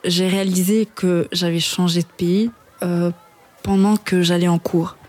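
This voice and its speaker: Jeune femme hésitante, italien, posée. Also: female voice, fairly low pitch, level tone, measured pace, darkish tone. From Italy. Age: 20s. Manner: hesitant, many fillers. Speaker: interviewee. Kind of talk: documentary interview.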